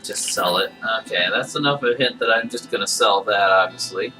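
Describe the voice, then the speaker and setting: A man's voice: lowish voice, a little fast, far from the mic. Man doing playful game commentary, music behind. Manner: thinks aloud, playful muttering. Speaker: gamer playing and narrating a game. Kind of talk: casual playthrough commentary.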